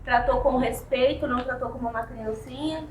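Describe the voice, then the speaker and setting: A woman's voice: high-pitched, fairly even intonation, fairly quick, a little hiss or hum. Hesitant Brazilian woman, off-mic in a room. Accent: Brazilian Portuguese. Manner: hesitant, searching for words. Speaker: participant. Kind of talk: casual anecdote. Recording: echoey room, off-mic, faint background.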